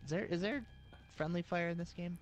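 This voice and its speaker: A man's voice: high voice, fairly quick. Tired, nasal-voiced man hosting a let's play. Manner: laid-back, rambling with fillers. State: tired after a long day. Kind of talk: casual gaming chat.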